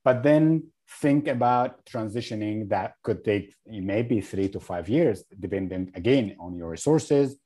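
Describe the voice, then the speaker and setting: A man from Egypt, a guest in a podcast interview, speaking in a halting way with many fillers and restarts. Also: fairly low pitch, animated, warm tone. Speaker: guest, regenerative agriculture advocate.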